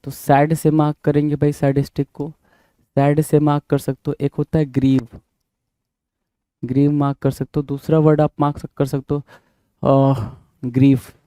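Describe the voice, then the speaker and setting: A man's voice: medium pitch, mellow, clear, resonant tone, no echo, low-quality recording. A man with an Indian accent teaching vocabulary, repeating each word, spelling it out letter by letter and quizzing the viewer. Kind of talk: vocabulary lesson in Hindi-English mix.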